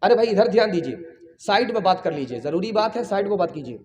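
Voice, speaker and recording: A man's voice: sits high, sing-song, darkish tone, highs cut off, slight background noise. A man preaching a religious sermon at a public gathering, impassioned, repeating phrases and calling on the crowd to raise their hands.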